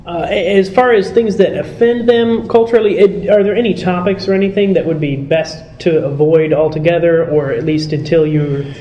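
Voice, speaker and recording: A man with an American accent asking conversational interview questions in a halting, tentative way. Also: on the high side, dark tone. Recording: echoey room, dull sound, faint noise.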